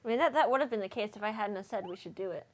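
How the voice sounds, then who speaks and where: A woman's voice: medium pitch, animated, racing, slight background noise. A woman co-hosting a let's play, chatting casually and reacting to the game. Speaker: gaming co-host. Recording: game music behind voice. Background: video game music.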